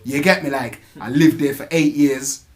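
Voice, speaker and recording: A man's voice: mid-range voice, steady tone, normal speed. A man with a Nottingham accent, a rapper giving a casual interview in street slang, often tagging his phrases with questions. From Nottingham, England. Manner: repeatedly tags phrases with "you get me" and "innit".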